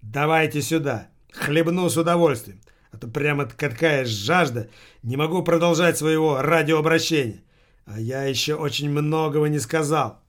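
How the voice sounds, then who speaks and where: A man's voice: fairly high pitch, normal speed, natural voice. Man voicing a pompous, unhinged engineer. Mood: eager. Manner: pompous, contemptuous. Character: deranged male engineer ranting on radio.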